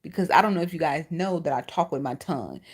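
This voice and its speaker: A woman with a Chicago accent and a lisp hosts a casual livestream, answering chat in a blunt, profane, animated way. Her voice is low-pitched and husky, and she talks fast.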